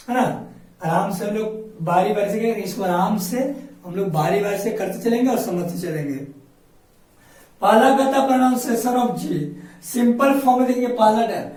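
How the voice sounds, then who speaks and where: A man's voice: very high-pitched, a little mellow. A male coaching teacher with a Bihari Hindi accent, explaining English pronunciation in a classroom lesson. He asks himself questions and answers them, repeating each point. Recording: echoey room, distant mic.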